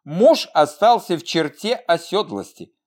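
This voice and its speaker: A defiant young woman rebel speaks in a raised, lively voice, bold and mocking, as a male reader puts her on. She sounds brash and provocative, the way a storybook heroine who scorns convention would. The delivery swings up and down with energy. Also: on the high side, measured pace, pitched above the performer's own voice.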